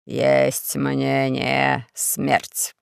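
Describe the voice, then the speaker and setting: A reader voicing a pompous, scheming underground dictator who makes slow, self-important proclamations in an audiobook. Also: mid-range voice, completely flat delivery, gravelly, smooth, dry recording, studio quality, pitched below the performer's own voice, heavily acted. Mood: cold. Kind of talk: audiobook character voice.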